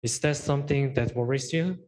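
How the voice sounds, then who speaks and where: A man's voice: mid-range voice, fairly quick, darkish tone. Young man politely posing a question. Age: young adult. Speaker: student asking a question.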